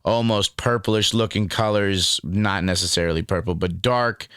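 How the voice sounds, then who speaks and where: A man's voice: on the low side, fairly bright tone, smooth, no echo, studio quality. A laid-back young man giving a rambling, casual review to camera, calling the viewer dude and man. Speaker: cannabis strain reviewer.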